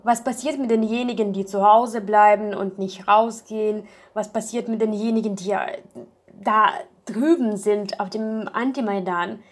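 A woman talking thoughtfully about a project in an interview, pausing often with fillers. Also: mid-range voice, steady tone. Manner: thoughtful, hesitant with many fillers. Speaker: project member. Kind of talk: casual interview talk.

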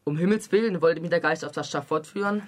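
A young man reading a novel excerpt aloud as a book reviewer, with a brisk, even delivery, then chatting casually about the book. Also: a little high.

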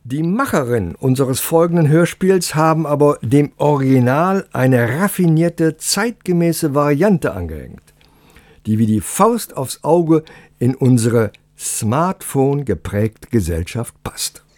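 A man's voice: on the high side, sing-song, a little slow, a little mellow, dry recording, studio quality. A man presenting a scripted introduction as a radio host.

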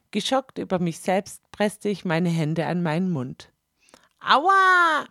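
A woman reading a first-person story aloud in a wry, deliberate way, with asides to her listeners. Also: on the low side, darkish tone, no room sound, clean studio sound.

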